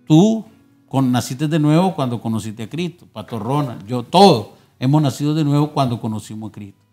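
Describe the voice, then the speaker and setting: A man's voice: medium pitch, lively intonation, moderate pace. A man with a Nicaraguan Spanish accent, a pastor on a TV panel, exhorting with urgency and emphasis. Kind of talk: TV panel preaching. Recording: soft music behind.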